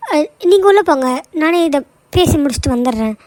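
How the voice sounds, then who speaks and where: A woman's voice: high-pitched, animated, brisk, a little mellow, no room sound, rough recording. A woman voicing a meek young office worker in a cartoon, pleading and apologetic. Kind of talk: cartoon voice acting.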